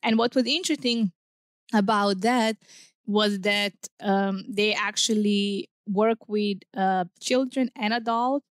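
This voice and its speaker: A woman from Serbia, a non-native English speaker, answering interview questions in a measured, casual way. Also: medium pitch, steady tone, no echo, studio quality. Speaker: guest researcher.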